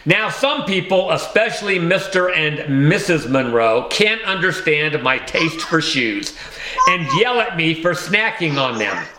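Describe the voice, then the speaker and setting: A man's voice: on the high side, expressive, unhurried, pushed and bright, reverberant, slight background noise, poor audio. A man narrating a children's audiobook in the first person, with a wry storytelling manner.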